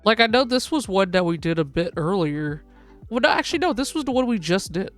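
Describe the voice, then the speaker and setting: A woman hosting a live gaming stream, excitedly calling a race like a sportscaster for her viewers. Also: medium pitch, fairly quick, soft background music. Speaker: livestream host.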